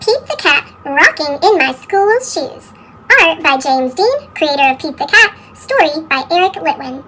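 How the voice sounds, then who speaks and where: A rough recording with slight background noise captures a woman reading picture books for young children, her voice sitting high through a sped-up chipmunk effect. Unhurried yet animated, she exclaims, trades questions and answers, and sings refrains.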